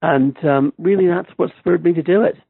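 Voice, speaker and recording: A man's voice: fairly high pitch, normal speed, vocal fry, slightly rough, no room sound. A man with an Irish accent, a historian being interviewed on a podcast, who talks in a hesitant way with many ums and restarts. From Ireland. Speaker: guest historian. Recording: tinny phone-like line.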